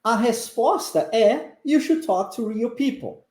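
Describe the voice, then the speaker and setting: Man, Brazilian Portuguese accent, English teacher, lively repetitive drilling, warm dark timbre. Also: very high voice, slow pace, reverberant. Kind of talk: live online pronunciation lesson.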